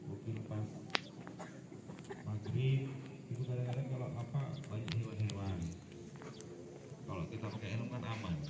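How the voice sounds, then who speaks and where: A man's voice: fairly low pitch, fairly even intonation, normal speed, long pauses. A man firmly lecturing and correcting students at a school assembly, with casual asides. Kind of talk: lecturing, giving instructions. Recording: echoey, far from the mic, noisy.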